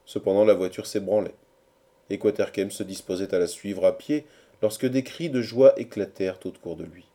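A man narrating a novel aloud in an expressive, measured storytelling manner. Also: fairly low pitch. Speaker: audiobook narrator. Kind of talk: scripted narration.

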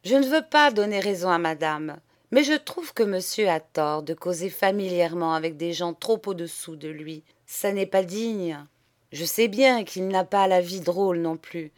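A woman reading a novel aloud as audiobook narration, steady and clear. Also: fairly low pitch, a little slow. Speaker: audiobook reader.

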